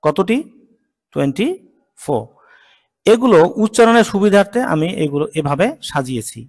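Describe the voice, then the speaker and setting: A man teaching English consonant sounds in a slow lesson. He says each sound patiently and repeats it several times. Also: high-pitched, animated, big-room sound. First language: Bengali. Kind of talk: slow spoken pronunciation lesson.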